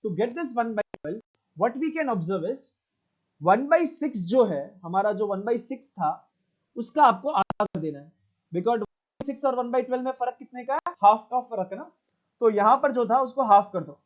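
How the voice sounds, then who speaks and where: A man's voice: very high voice, animated, a little slow. Man teaching math over a dull call. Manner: mixes Hindi and English, checks in with students often. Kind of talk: online class lesson.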